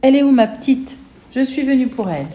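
A woman reading aloud, voicing a desperate, tearful mother with a gun who shouts and pleads. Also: sits high, expressive, quick pace, voice pushed up. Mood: distraught. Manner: loud, pleading.

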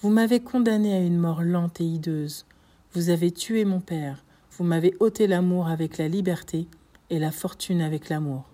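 Implacable avenging count, solemn and deliberate, mellow low tone, as a woman narrator reads him. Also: lightly acted. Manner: measured, solemn pronouncements. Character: vengeful disguised male count, cold and implacable. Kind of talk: audiobook reading.

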